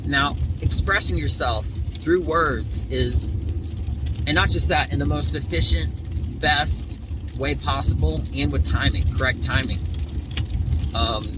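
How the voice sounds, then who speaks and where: A man speaking in a casual, unscripted podcast monologue, halting as he thinks aloud while driving through rain. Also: medium pitch. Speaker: podcast host, comedian. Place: inside a car, driving in rain. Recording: noisy car, distant mic, rain. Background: rain and car noise.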